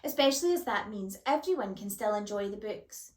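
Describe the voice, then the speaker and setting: A woman voicing a big, friendly, kind female bookworm who talks gently in a storybook reading. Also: medium pitch, expressive, a little fast, natural voice. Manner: warm and gentle. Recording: roomy echo.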